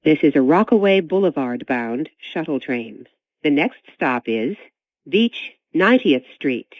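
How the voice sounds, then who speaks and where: A recorded train announcer making onboard stop announcements over the loudspeaker after a chime, in a measured, evenly paced delivery. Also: medium pitch, animated, no echo. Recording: tinny, dry speaker sound.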